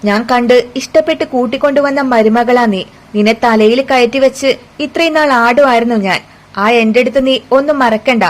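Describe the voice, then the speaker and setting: Woman doing bossy angry mother-in-law, harsh questions, kinda high voice, storybook retelling. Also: moderate pace, lightly acted. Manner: harsh, demanding, interrogating. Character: furious domineering middle-aged mother-in-law.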